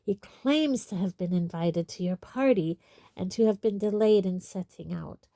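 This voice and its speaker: A woman's voice: medium pitch, normal speed, warm tone, no echo, studio quality, natural voice. A woman voicing a spiteful old male caretaker who gloats and nags. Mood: gloating. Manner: gloating, nagging.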